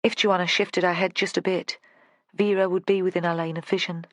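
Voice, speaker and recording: An audiobook narrator reading a crime novel with steady, even storytelling. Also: medium pitch, a little fast, no room sound. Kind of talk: scripted narration.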